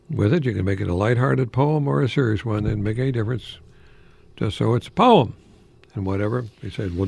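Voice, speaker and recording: Speaking in a gravelly, slightly rough, darkish mid-range voice, an older American radio host and college professor gives a casual on-air monologue. His delivery meanders hesitantly, punctuated by chuckled asides.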